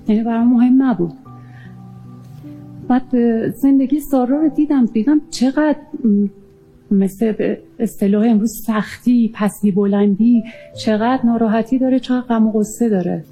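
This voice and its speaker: A woman recounting a near-death experience in an earnest, halting way, often pausing with fillers. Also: on the high side, fairly even intonation, warm tone, faint music behind. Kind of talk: emotional personal testimony.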